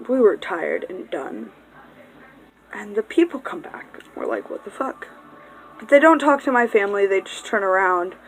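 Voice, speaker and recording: A woman's voice: mid-range voice, poor audio. A young woman vlogger telling a rambling, casual story, swearing freely and breaking off for distracted asides.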